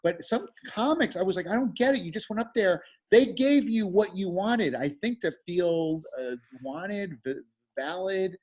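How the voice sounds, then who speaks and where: Brief: male comic, husky and high-pitched, loose and animated. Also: normal speed. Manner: animated, acts out crowd members and swears. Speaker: comedian. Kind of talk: casual chat.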